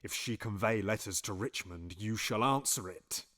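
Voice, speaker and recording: An actor takes on the role of a paranoid, scheming usurper king for a Shakespearean audio drama, alternating threatening whispers with abrupt outbursts. He uses a lowish, pushed and bright voice at a moderate pace.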